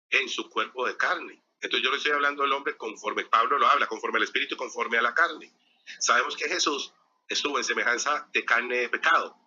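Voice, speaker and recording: A man's voice: mid-range voice, sharp tone, lo-fi sound, slight background noise. A man arguing in a heated online religious debate, combative and firing rhetorical questions at his opponent over a video call.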